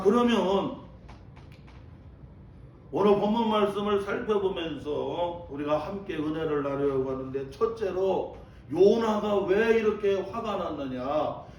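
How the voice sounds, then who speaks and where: A male pastor with a high, slightly mellow voice preaches a sermon in a church sanctuary, captured by a distant mic in an echoey space with the highs cut off and a little hiss or hum. He keeps calling out to the congregation and repeats phrases for emphasis.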